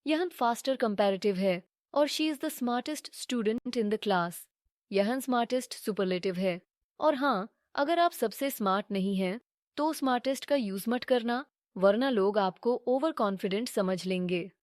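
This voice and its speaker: Slow, deliberate woman teacher. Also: on the high side, no echo, studio quality. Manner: reads English examples very slowly and deliberately. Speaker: English teacher. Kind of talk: scripted grammar lesson.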